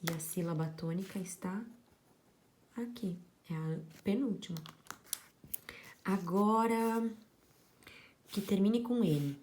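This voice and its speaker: Slow, patient woman teacher. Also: lowish voice, warm tone, slight background noise. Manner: slow, explanatory, stresses example words. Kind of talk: classroom lesson on word stress.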